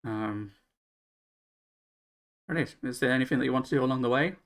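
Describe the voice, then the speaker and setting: A man narrating as game master of a tabletop game, halting with fillers and restarts. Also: medium pitch, a bit bright.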